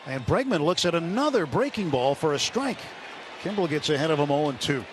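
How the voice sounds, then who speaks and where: This man is the booth announcer for a live radio baseball broadcast, calling plays in clipped present tense. He sounds animated and brisk with a somewhat high voice, while loud ballpark ambience makes the stadium recording noisy.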